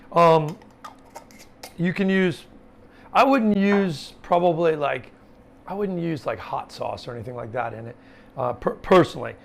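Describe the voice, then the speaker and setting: Male chef host, slightly higher voice with gravel, relaxed chatty kitchen demo over faint sizzling. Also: slight background noise. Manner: chatty, informal, with frequent fillers and asides. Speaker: chef teaching a cooking class. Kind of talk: casual cooking demonstration. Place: home kitchen, cooking at the stove. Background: sizzling pan and chopping.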